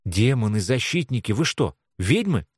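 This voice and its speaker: A lifted, sing-song voice for a nosy teen girl who presses with blunt questions, as a male reader puts her on. Her pitch rises and falls widely, and the recording is dry and close. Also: sing-song, breathy edge, no echo. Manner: probing and blunt, at times slow and deliberate. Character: curious, pushy teenage girl, blunt questioner. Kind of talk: audiobook character voice.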